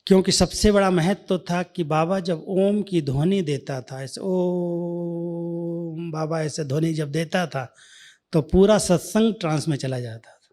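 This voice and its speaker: A man giving a devotional talk, telling a spiritual life story in a measured way that sometimes drops to a near-whisper. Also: a little high, darkish tone. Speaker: spiritual speaker.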